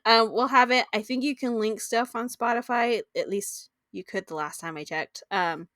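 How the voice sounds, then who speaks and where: A woman co-hosting a casual podcast, bubbly and given to excited gasps, her voice coming through a tinny backup microphone. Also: a little high, normal speed, no room sound, clean studio sound. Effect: tinny, like talking through a tin can. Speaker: podcast co-host. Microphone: makeshift backup microphone.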